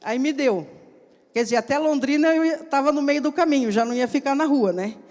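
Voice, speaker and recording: A woman preacher giving a sermon with personal testimony, telling her stories slowly and emphatically and acting out the dialogue in them. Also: high voice, darkish tone. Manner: slow, emphatic storytelling. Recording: long hall reverb.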